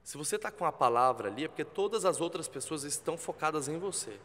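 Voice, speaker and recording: A man with a Brazilian Portuguese accent, a TV presenter guesting on a podcast, explaining in a calm, coaching way. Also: on the high side, fast, big-room sound. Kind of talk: casual interview talk. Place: podcast studio with spotlights.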